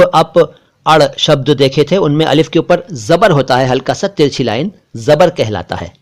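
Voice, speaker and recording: A man with a slightly raised voice teaches Urdu letters as a patient lesson. He drags out each short word slowly and deliberately, and he insists firmly on correct pronunciation. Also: fairly high pitch. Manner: slow, deliberate spelling-out of letters and words; stresses correct pronunciation, a bit critical of others. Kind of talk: spoken script lesson.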